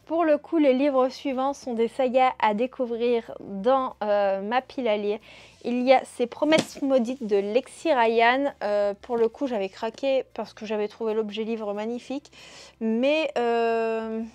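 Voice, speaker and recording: A woman's voice: fairly high pitch, unhurried, a little mellow. A woman chatting casually about the books she wants to read, with frequent hesitations. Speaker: book YouTuber.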